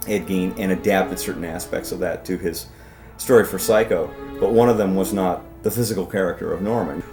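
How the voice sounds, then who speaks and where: A man in a documentary interview, explaining things in a thoughtful, measured way. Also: low-pitched, a little mellow.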